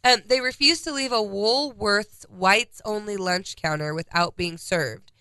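A stuffed-up woman co-hosts a casual podcast, running through a list of dates and events. Her voice is bright with a gravelly edge. It is recorded close and dry. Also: medium pitch, measured pace, no echo. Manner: reads out a history timeline of dates. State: congested. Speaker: podcast co-host.

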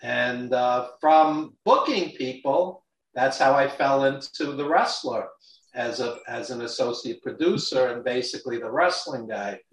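A New York man with a Brooklyn accent, a wrestling industry insider, chats casually as a guest, blunt and opinionated. His voice is mid-range and a little slow, and the recording sounds roomy, echoey, and distant from the mic.

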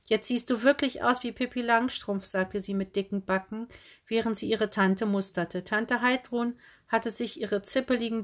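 A woman narrating a children's book in a lively, expressive way. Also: medium pitch. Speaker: audiobook narrator.

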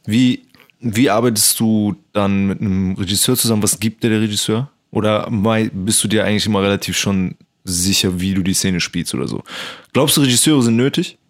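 A man's voice: fairly low pitch, brisk. A man chatting casually in a loose, slangy way and asking his guest about acting work. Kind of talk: casual chat.

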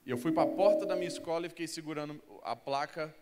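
A man's voice: on the high side, fast, over a noisy crowd. A young man preaching a sermon with a Brazilian Portuguese accent, telling stories with humor and rising to emphatic calls. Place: church hall. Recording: echoey church hall, faint music.

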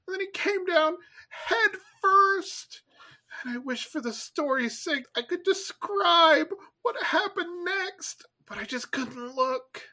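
A woman's voice: very high-pitched, lively intonation, takes it slowly, sharp tone, full character voice. A woman voicing a teary rambling cat.

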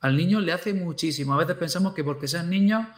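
A man who teaches school, talking casually with an animated way of acting out what he says to his pupils. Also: fairly high pitch, fairly quick, roomy sound. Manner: animated, acts out quoted speech to pupils. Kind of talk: casual conversation.

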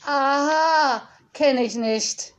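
A strict school official speaks sternly and briskly in a high, clear register, voiced by a woman reading a storybook aloud. She scolds with firm emphasis, and the delivery stays unhurried overall. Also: muffled recording.

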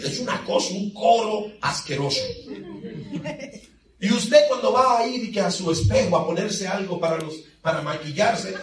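Animated preacher guy, high voice, acts out the story, roomy far-off church sound. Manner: vivid, dramatic storytelling with humor. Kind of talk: sermon. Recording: echoey hall from far off.

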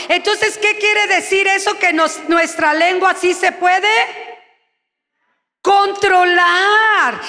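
A woman pastor preaching a sermon in an animated, conversational way, acting out little scenes. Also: very high-pitched, creaky. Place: church. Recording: echoey church hall.

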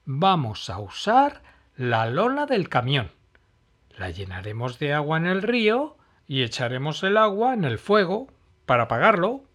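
A man voicing a brave young girl who urges and shouts orders to her friends. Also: fairly high pitch, huge pitch swings, measured pace, voice pushed up, exaggerated voice. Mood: eager. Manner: urgent, shouting commands.

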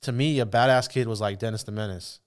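A man's voice: fairly low pitch, fast, smooth. A man talking bluntly and emphatically in a casual podcast chat.

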